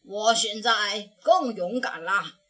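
A woman voicing a kind, patient old grandfather bear in a children's storybook reading, speaking gently with sighing pauses. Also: mid-range voice. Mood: gentle.

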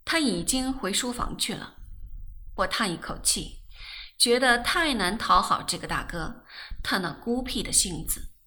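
A woman reading a novel aloud as audiobook narration, slow and expressive. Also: medium pitch. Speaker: audiobook reader.

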